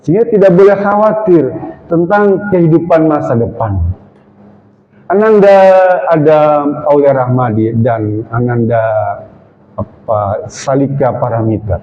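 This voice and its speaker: Man, wedding sermon, unhurried delivery, echoing hall, dull muffled sound. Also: fairly high pitch. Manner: slow measured preaching, chanting Arabic verses, jokey rhymes. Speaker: preacher. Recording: echoey hall, dull sound, faint ambience.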